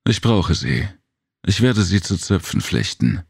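Guy doing a teasing young warrior girl for a storybook, sing-songy, coy, bit raspy. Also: low-pitched, sing-song, measured pace, dry recording, studio quality, pitched above the performer's own voice, heavily acted. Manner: lilting, coy, sing-song.

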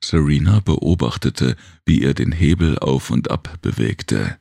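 Male audiobook narrator, extremely deep, dry close sound. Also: expressive, creaky, warm tone, no room sound. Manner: measured storytelling.

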